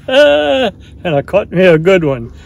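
Here a man with a high-sitting, slow voice swings widely in pitch, sounding creaky and a little mellow, with the highs cut off. He's an old-outboard mechanic talking through his repairs in an easygoing repair vlog, plain and folksy, referring to the motor as "her," filmed in his workshop and outside by the water.

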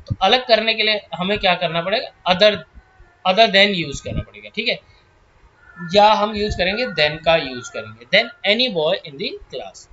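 High, bright-voiced Indian man teaching grammar. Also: highs cut off, slight background noise. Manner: reads English rules slowly, explains briskly in Hindi with check-ins. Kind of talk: exam-prep grammar lesson in Hindi with English examples.

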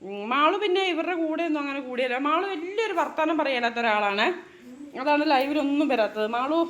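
A high-pitched woman in her thirties talks in a chatty, doting way, drifting into slow teasing asides. She is a mother filming a casual family vlog at home.

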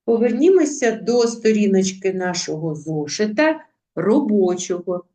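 A woman teacher giving a recorded lesson, speaking deliberately and spelling out word sounds one by one. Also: mid-range voice, expressive, warm tone. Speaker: primary school teacher.

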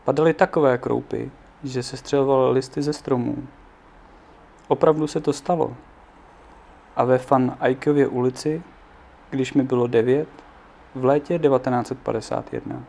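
A man with a gravelly, fry-laden voice reads a children's story aloud at a calm, unhurried pace. His tone is mellow and dark. Every so often he slips in a casual aside of his own. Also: mid-range voice. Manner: unhurried reading with offhand spoken asides. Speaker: narrator. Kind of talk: reading a children's book aloud.

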